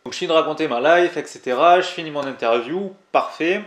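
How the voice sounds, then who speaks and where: A man's voice: fairly high pitch, fairly quick, echoey room. A man in his twenties with a southern French accent from Toulouse, chatting casually and in slang as he tells his viewers a story. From southern France. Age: 20s. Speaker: climbing YouTuber.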